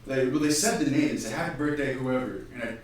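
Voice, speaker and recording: A man's voice: mid-range voice, quick pace, a little hiss or hum. Young man, laid-back and slangy, echoey dorm room with the mic a bit far off. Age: young adult. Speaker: podcast co-host. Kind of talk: casual chat.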